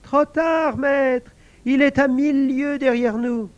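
A man's voice: extremely high pitch, fairly even intonation, slow pace, no echo, voice pushed up. A man voicing an invisible male servant spirit, loyal and eager to please, in a storybook tale. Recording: dull lo-fi dry recording.

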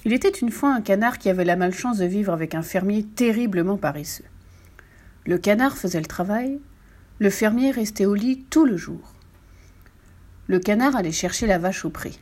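A woman reading a children's picture-book story aloud with expressive, animated storytelling and playful animal sounds. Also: medium pitch, moderate pace.

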